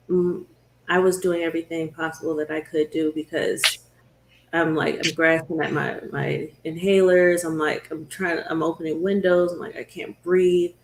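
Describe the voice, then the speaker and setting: A woman's voice: fairly low pitch, roomy sound. A woman talk show host telling the story of her own illness in an earnest, conversational way. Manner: earnest, storytelling, slows down at hard moments.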